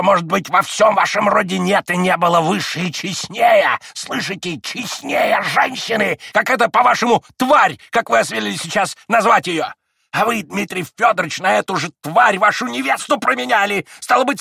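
A man voicing a shrill, raging old man who screeches and splutters with every word. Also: creaky, bright, forceful tone, husky, dry recording, studio quality, exaggerated voice.

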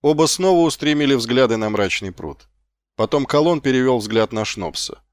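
A male audiobook narrator with a mid-pitched voice that rises and falls lively through the prose. The reading is measured and expressive, with dry, close sound. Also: dry recording. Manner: measured storytelling.

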